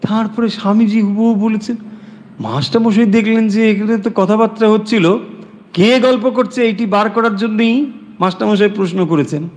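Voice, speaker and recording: A man teaching a scripture class. He explains Sanskrit verses word by word and slows down when he recites them. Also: sits high, fairly even intonation, a little mellow. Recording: long reverb in a hall.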